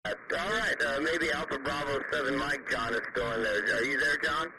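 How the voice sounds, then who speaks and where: A man's voice: mid-range voice, moderate pace. A man working as a radio net controller, casually reading out call signs and handing over turns on two-way radio. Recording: distant, noisy radio audio.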